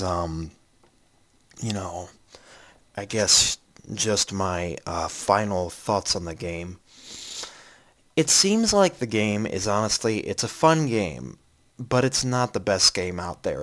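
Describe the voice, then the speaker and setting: A man's voice: sits low, a bit bright. A man giving an unscripted video game review from his computer. He rambles, restarts often and yawns now and then. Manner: rambling, many ums and restarts; yawning, sleepy. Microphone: computer mic.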